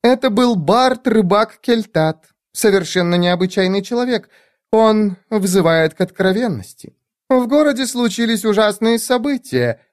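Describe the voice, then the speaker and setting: A man's voice: sits high, lively intonation, a little slow, voice pushed up. A man voicing a haughty, mocking noblewoman. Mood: weary. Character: haughty, languid noblewoman, sharp-tongued sorceress.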